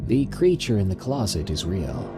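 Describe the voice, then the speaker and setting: A man narrating a horror story in a measured storytelling style. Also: sits low, very animated, over music.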